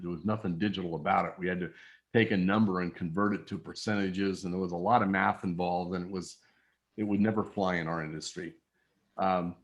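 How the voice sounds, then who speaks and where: Man in his sixties, lowish voice, easygoing technical storyteller, video call. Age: 60s. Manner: relaxed storyteller, technical and anecdotal. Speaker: guest. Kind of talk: casual chat.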